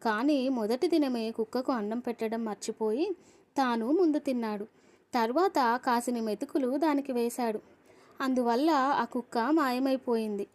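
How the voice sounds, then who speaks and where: Female audiobook storyteller, friendly, slightly high voice, folk tale reading. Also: normal speed, darkish tone. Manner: friendly, addresses listeners as friends.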